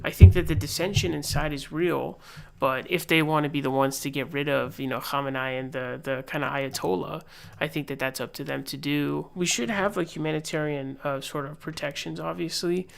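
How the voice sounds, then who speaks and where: Rambling young man with a gravelly voice. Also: a little high, fairly even intonation, brisk. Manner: rambling, filler-heavy, reads tweets aloud. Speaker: political commentary streamer. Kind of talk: casual live-stream commentary.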